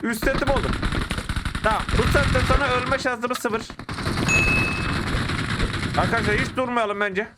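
A man's voice: very high voice, steady tone, measured pace, long pauses, heavy background noise. A young man from Turkey commentating a mobile shooter game, talking with a slight lisp from dental braces and exclaiming at the action. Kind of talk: casual gameplay commentary. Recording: gameplay audio and gunfire behind.

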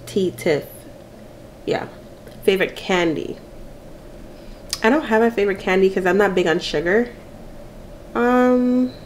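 A woman's voice: mid-range voice, darkish tone, slight background noise. Woman, thirties, casual eating vlog chat, playful, giggly, answers her own questions. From Jamaica. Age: 30s. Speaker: mukbang vlogger.

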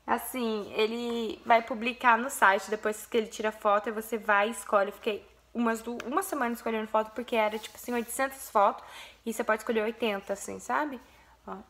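Young woman, Brazilian accent, chatty vlogger, fairly high voice, vocal fry. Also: steady tone, brisk, fairly bright tone. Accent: Brazilian Portuguese. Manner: gushing, chatty, addresses viewers directly. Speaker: vlogger, mother. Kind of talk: casual vlog, showing a photo album.

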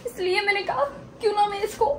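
A woman's voice: very high voice, fairly even intonation, quick pace, very noisy. A woman hosting a casual vlog, chatting to viewers and often asking if they follow. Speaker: vlog host.

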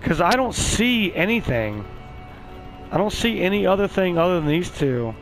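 Excitable high-voiced man playing a game. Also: normal speed, faint music behind, rough recording. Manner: casual, excitable, swears often, talks to creatures. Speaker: gameplay streamer. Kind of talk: let's-play commentary.

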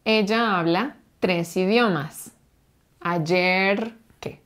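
Slow, patient Spanish teacher woman. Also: on the low side, fairly bright tone. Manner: patient, slow, stresses each syllable. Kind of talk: slow, clear language drill.

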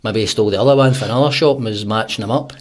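A man with a broad Glaswegian Scots accent and a husky voice, telling comic anecdotes in casual, sweary slang on a close studio mic. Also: fairly low pitch, very fast, background noise. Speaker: podcast guest, comedy writer and actor. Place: small podcast studio. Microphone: close studio condenser on arm.

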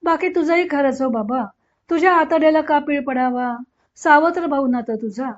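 A woman's voice: high-pitched, moderate pace, natural voice. A woman voicing a harsh, scolding older mother-in-law who taunts bitterly, in a dull lo-fi recording.

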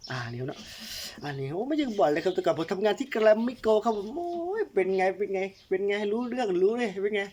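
A man's voice: high-pitched, lively intonation, rapid-fire, hardly any pauses, darkish tone. A man, vlogging while cooking and joking playfully, teasing and making silly sound effects. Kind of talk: joking casual monologue.

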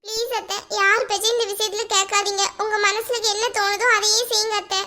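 A pleading young wife in a cartoon family drama, voiced by a woman. The voice sits very high and bright, and the lines come out emotional and imploring. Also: little pitch movement, fairly quick. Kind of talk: animated family drama dialogue.

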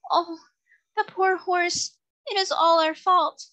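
A gentle young girl with a high, pleading voice, put on by a woman reading a storybook aloud. She sounds earnest and bright, her tone lifted well above an ordinary speaking voice. Every word comes out as a soft, anxious appeal. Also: lively intonation, normal speed, no room sound. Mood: distressed.

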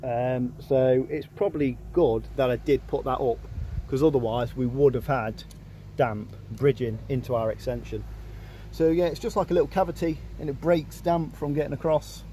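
A young bricklayer walks through his job step by step in a casual vlog shot outdoors on a building site. He's plain-spoken, with a mellow, medium-pitched voice, a steady tone and a normal speed, and site noise can be heard behind him.

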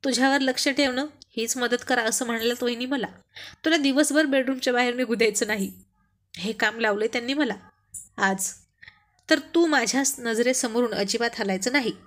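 A woman's voice: a little high, fairly quick, a bit bright, lightly acted. Woman reading as a cheerful joking young man.

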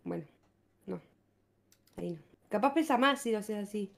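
A woman's voice: mid-range voice, lively intonation, normal speed, creaky. A young woman with an Argentine accent chatting while streaming a game, bossily coaching her partner through a puzzle. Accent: Argentine Spanish. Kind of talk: casual gameplay chat.

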